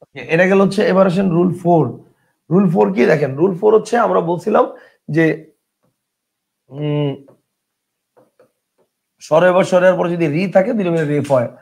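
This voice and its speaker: A man's voice: high voice, gravelly. A man teaching a grammar lesson online, talking colloquially, repeating points and quizzing his students. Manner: colloquial, addresses learners as brother.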